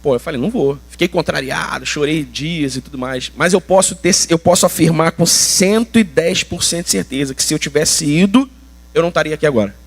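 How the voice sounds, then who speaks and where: A man's voice: on the high side, fairly quick. A Brazilian man preaching a sermon as pastor, colloquial and emphatic, with slangy asides. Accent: Brazilian Portuguese.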